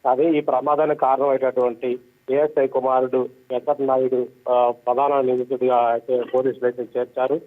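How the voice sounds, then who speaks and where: A male news correspondent giving a live report, halting with frequent filler sounds. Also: medium pitch, flat delivery. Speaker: special correspondent. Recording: tinny phone line.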